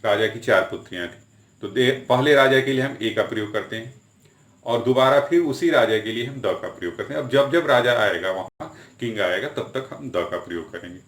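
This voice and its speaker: A man's voice: medium pitch, fairly bright tone, echoey room. Man teaching English grammar in Hindi. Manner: slow, deliberate spelling out of examples. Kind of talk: explaining grammar with Hindi examples.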